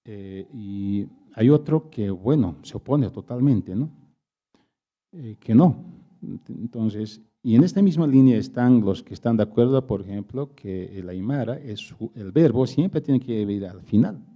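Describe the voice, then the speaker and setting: A man, speaking as the invited speaker at a public talk and answering audience questions, halting and searching for words with many pauses. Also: on the low side, expressive, highs cut off. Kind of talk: explanatory lecture with audience questions.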